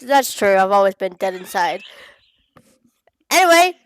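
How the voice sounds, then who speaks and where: A woman's voice: medium pitch, very animated, unhurried, no echo, studio quality. A woman with a stuffed-up nose reading a story aloud, with playful, self-mocking asides. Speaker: story reader.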